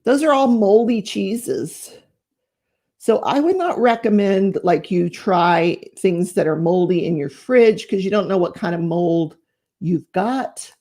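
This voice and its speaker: A woman's voice: mid-range voice, takes it slowly, mellow. A woman hosting a casual morning live stream, chatting and laughing as she greets viewers by name. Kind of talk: casual live chat reading comments.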